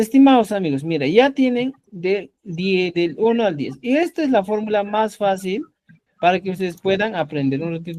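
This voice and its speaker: A man teaching a live online Quechua class, quizzing his students and saying "ya" again and again. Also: high voice. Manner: lively, repeats "ya" and quizzes students.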